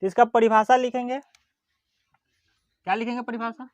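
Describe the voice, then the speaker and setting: A teacher giving a grammar lesson, dictating definitions slowly, repeating words and checking that students follow. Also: mid-range voice, steady tone, no room sound. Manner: slow and deliberate, repeats words and checks understanding; drawls vowels aloud as examples.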